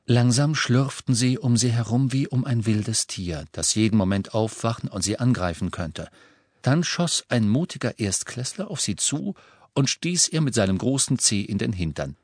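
A man narrating a fantasy audiobook with measured, dramatic storytelling. His voice sits at an ordinary male pitch. The recording is dry and close, with no room sound. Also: lively intonation, a little mellow, dry recording. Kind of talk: scripted narration.

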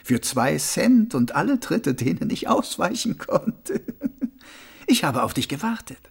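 A serene old monk who sweeps floors for pennies, as a male narrator puts him on, speaking in a raised, gravelly voice. He takes his time over every phrase, gently amused and reassuring. The voice swoops up and down with a husky edge. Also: on the high side, sing-song, pitched above the performer's own voice, full character voice. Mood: calm, amused. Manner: slow, gently amused, soothing. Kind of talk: audiobook character voice.

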